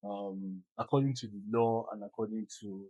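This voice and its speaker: Nigerian guy being interviewed, lowish voice, lots of ums, dry sound. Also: fairly even intonation, normal speed, mellow, dry recording, dull audio. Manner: hesitant, many ums and repeated words. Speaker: guest. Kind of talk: casual interview chat.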